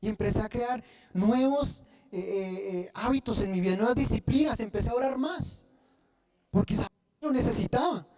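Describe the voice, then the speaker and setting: A man preaching a sermon, often pausing to have the congregation fill in the word, and restarting phrases as he goes. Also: high voice, dark tone. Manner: asks the congregation to fill in words. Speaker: pastor.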